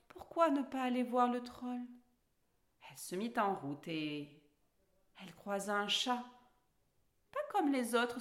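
A woman reading a children's story aloud, expressive and lively. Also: fairly high pitch.

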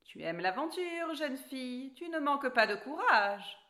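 A grumbling old dwarf from a storybook, gruff at first but kindly underneath, as a woman puts him on. His words come slowly, in a bright, clear tone. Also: high voice, sing-song, pitched above the performer's own voice, full character voice. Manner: gruff, then fatherly and advising. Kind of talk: storybook read-aloud.

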